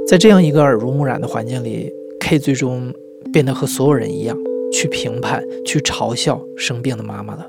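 Gravelly-voiced male host narrating over music. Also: medium pitch. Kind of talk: scripted narration. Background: loud music.

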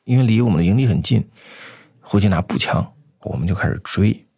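Male interviewee, low and rough-edged, halting conversational storyteller who repeats himself, unscripted. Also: expressive, warm tone, no echo, studio quality. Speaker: anti-poaching patroller, interview guest. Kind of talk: unscripted first-person storytelling.

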